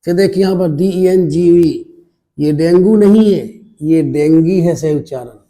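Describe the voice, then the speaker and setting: A man with an Indian accent gives a slow, deliberate English pronunciation lesson. He spells words out letter by letter and repeats each one. His voice sits fairly high but sounds dark and mellow. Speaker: English teacher.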